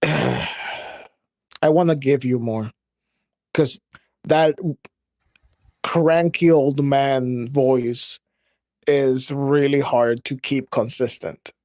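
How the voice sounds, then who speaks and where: A woman judging a voice acting contest, measured and giving practical advice. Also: very deep voice, warm tone, no room sound, clean studio sound. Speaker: judge. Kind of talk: casual livestream chat.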